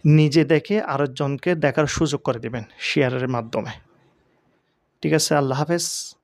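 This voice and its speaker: A man's voice: fairly high pitch, dry recording, clean studio sound. A male Quran teacher, giving a pronunciation lesson and drawing out each Arabic letter. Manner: drawn-out demonstration of each letter.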